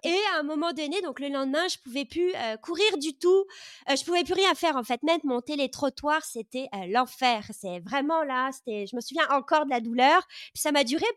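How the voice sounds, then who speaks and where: A woman in her thirties with a high voice tells her own story with eager energy. She stumbles and restarts often. The recording is dry and close, with no room sound. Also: expressive, brisk, fairly bright tone, no room sound. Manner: enthusiastic, lots of hesitations and restarts. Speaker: podcast host, guest of this episode. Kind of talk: casual personal storytelling.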